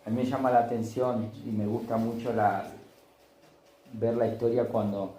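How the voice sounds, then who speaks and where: A man's voice: medium pitch, flat delivery, normal speed, dark tone, reverberant, a little hiss or hum, poor audio. A man preaching a Sunday sermon, telling stories in a conversational way and acting out the voices in them. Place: church.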